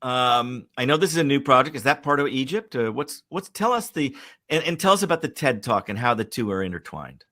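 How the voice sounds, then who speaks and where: A man hosting an interview, asking questions in a halting way with many pauses. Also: medium pitch, animated, pushed and bright. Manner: halting, many fillers and restarts. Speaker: host. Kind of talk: conversational interview.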